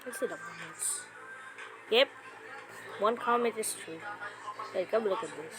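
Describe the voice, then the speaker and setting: A woman with a mid-range voice speaks unhurriedly over loud background music. She's a YouTuber making a reaction video, offering casual, mocking commentary in a scornful, slangy manner and repeating phrases for emphasis.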